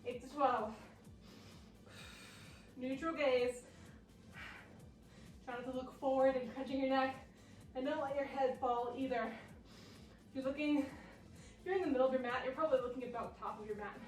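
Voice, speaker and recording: A high-pitched woman coaches a workout while exercising alongside. She sounds winded and encouraging. The recording is roomy, and she sits back from the mic. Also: steady tone, moderate pace, pauses often, recorded from a distance. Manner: encouraging, breathless between exercises. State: out of breath. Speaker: fitness coach. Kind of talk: workout instruction.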